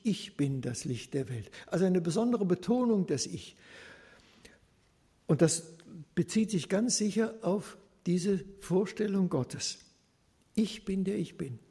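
A man giving a sermon, earnest and measured, returning again and again to repeated phrases. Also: a little high, dark tone, husky, big-room sound. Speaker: preacher.

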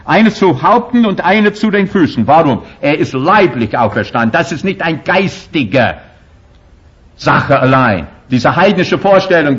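Husky-voiced male preacher, lo-fi sound. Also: fairly high pitch. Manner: emphatic preaching with frequent grammar slips. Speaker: pastor. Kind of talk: sermon.

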